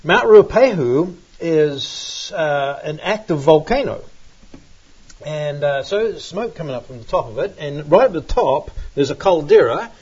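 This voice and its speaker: Husky New man rambling. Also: fairly high pitch, a little mellow. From New Zealand. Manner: rambling, hesitant, many fillers. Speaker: pastor. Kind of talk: relaxed sermon chat and prayer. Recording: dull lo-fi recording.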